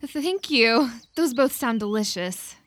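A woman voicing a sweet, polite young newcomer in a storybook, high and bright in pitch. She speaks courteously, sometimes stumbling over her words, in a dry close recording. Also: lively intonation, takes it slowly, no room sound. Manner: sweet, polite, a little flustered.

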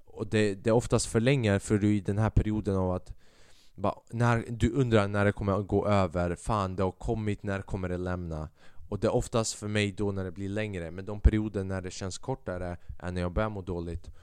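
Man, young, podcast monologue, animated, lots of swearing, resonant voice, dry sound. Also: lowish voice, clean tone, no echo. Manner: animated, swears a lot, mixes in English phrases. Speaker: podcast host. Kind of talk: casual solo podcast monologue.

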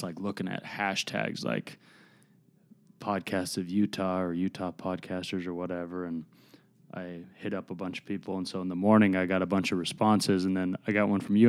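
Low-voiced man, chatty podcast guest. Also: a little mellow. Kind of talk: casual conversational storytelling.

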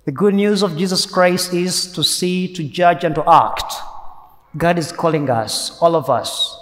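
High-voiced priest in cathedral echo. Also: male voice, measured pace, a bit bright. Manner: earnest, emphatic, repeats key phrases. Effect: cathedral echo, long church reverb. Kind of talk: Sunday homily. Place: large church. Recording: long echo of a large church.

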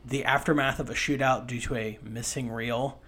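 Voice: medium pitch, fairly even intonation, normal speed, a bit bright, slightly rough. A podcast co-host talking casually about a film, blunt, swearing freely and laughing often.

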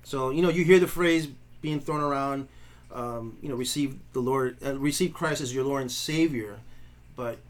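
A man's voice: mid-range voice, normal speed. A man, a pastor co-hosting a podcast, talking through theology in an earnest, casual way with frequent restarts. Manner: earnest, restarts often, affirms the other.

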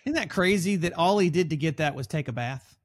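Man, podcast co-host, reflective, personal, a bit high-pitched. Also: expressive, brisk. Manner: reflective, personal, with small restarts. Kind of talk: conversational podcast discussion.

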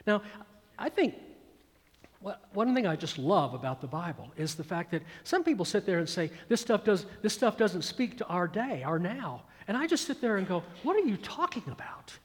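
In a large hall, a high-voiced pastor in his sixties preaches in a sing-song manner at a moderate pace. He has a Georgia Southern accent from the American South and is emphatic, repeating phrases and reciting verse with swelling volume.

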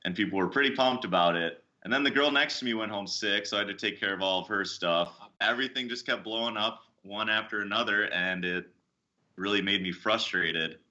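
A young man hosting a casual podcast, telling a candid story in a relaxed way. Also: lowish voice, a little fast, highs cut off. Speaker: podcast host.

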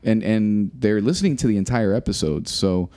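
Low, mellow middle-aged man on a podcast. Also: expressive, moderate pace, a little hiss or hum. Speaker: podcast co-host. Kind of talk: casual podcast chat.

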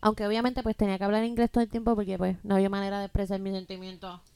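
A native Spanish-speaking woman in casual podcast chat, switching constantly between Spanish and English in an animated, sweary way. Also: mid-range voice, racing, smooth, no echo, clean studio sound. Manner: animated, profane. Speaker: podcast co-host.

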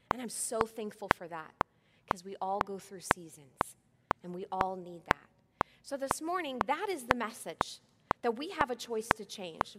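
Middle-aged woman preacher, conversational and earnest, in a big echoing sanctuary with loud noise behind. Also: on the high side. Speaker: pastor. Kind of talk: sermon. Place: church sanctuary. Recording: long hall reverb, loud background noise.

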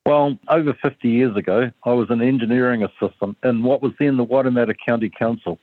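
A man's voice: mid-range voice, quick pace, no echo. Older male caller on a tinny phone line. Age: 70s. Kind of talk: casual storytelling chat. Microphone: telephone.

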